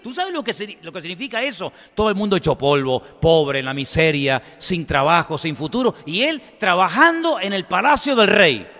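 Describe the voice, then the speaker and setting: A man preaching a sermon in a conversational storytelling manner, swinging between loud emphatic lines and quiet asides. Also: high voice, animated, moderate pace, few pauses. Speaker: pastor. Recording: long hall reverb.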